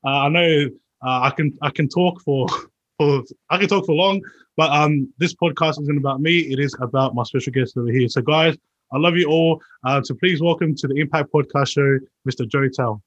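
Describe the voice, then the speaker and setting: A man's voice: fairly high pitch, moderate pace, lo-fi sound. A young man hosting a podcast, enthusiastic and loose, with slangy talk full of "bro" and "man". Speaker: podcast host.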